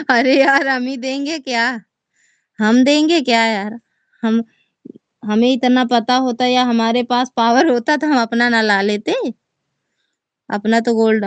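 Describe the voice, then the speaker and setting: A woman's voice: medium pitch, a little mellow, no room sound. A woman with an Awadhi accent, a folk singer chatting casually on a live stream and reading viewers' comments aloud before answering them.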